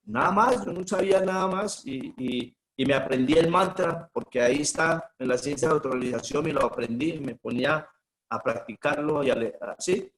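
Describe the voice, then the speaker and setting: A man's voice: a little high, moderate pace, poor audio. A middle-aged man, a spiritual teacher telling personal stories in a conversational way, often checking in with a questioning "sí". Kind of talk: personal storytelling talk.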